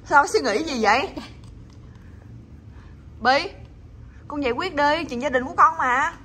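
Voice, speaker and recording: A woman's voice: high-pitched, a little slow, bright, forceful tone, a little hiss or hum. A woman chatting with her pets in a teasing, coaxing way, laughing often. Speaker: pet channel host. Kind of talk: casual chat to her pets.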